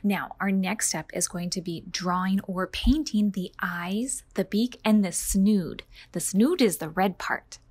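Her medium-pitched voice is a little mellow and husky, moving slightly slowly with few pauses. A thirtysomething children's librarian, she reads aloud expressively to preschoolers and gives them simple instructions.

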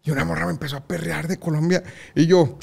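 Young man, mexican accent, casual storytelling, laughs a lot, lively. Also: on the high side, fast, gravelly, slightly rough. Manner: lively, laughs often while telling stories. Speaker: podcast guest.

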